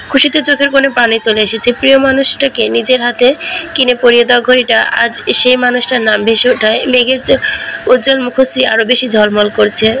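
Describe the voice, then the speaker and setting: Gravelly, high-voiced woman narrator. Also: fairly bright tone, a little hiss or hum, rough recording. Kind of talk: storybook narration.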